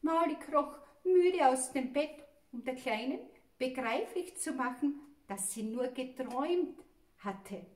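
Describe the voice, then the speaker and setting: A woman reading a children's story aloud with lively, expressive delivery. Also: high voice, slow. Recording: roomy, mic at a distance.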